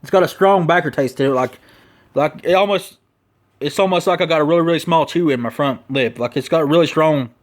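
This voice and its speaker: Briskly, a Southern-drawling man talks through a laid-back product review, voice a bit high and lower lip stuffed with dip. He rambles in a folksy way, peppering everything with slang.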